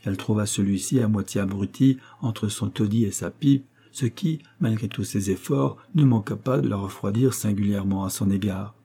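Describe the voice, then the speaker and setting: A man narrating a classic novel as an audiobook reader, with a steady, even delivery. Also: on the low side, normal speed, vocal fry, hardly any pauses, slightly rough.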